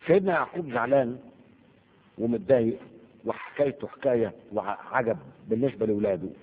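Egyptian teacher, husky, echoey and tinny. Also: male voice, medium pitch, fairly quick. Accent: Egyptian Arabic. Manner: asks the class questions and answers them himself. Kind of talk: Arabic grammar lesson. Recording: echoey hall over a tinny, phone-like line.

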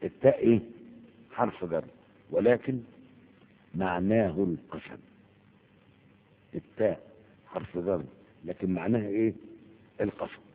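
A man's voice: low voice, a little slow, long pauses, slightly rough. A man with an Egyptian accent teaching a grammar lesson, asking the class questions and answering them himself. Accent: Egyptian Arabic. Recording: echoey hall over a tinny, phone-like line.

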